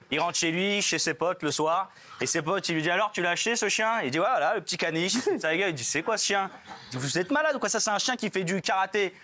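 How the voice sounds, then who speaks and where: A young male comedian with a notably high voice works through a run of stand-up jokes. He acts out every character's lines himself, jumping his pitch up or down for each one as he tells the story. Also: pushed and bright. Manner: quick joke delivery, acts out characters' lines with shifting pitch. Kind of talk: stand-up joke telling.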